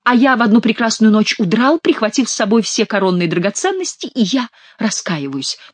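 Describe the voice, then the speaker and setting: A woman's voice: on the high side, very animated, brisk, no room sound, pitched above the performer's own voice. A woman voicing a sly male court jester who mocks and nasally mimics the king. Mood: whining mimicry. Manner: mocking, mimics the king's nasal whine.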